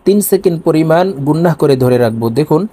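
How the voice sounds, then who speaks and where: A man's voice: fairly high pitch, lively intonation, fast talker, mellow. A man teaching Quran recitation in a video lesson. He speaks straight to the viewers and patiently breaks words down sound by sound. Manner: addresses viewers directly.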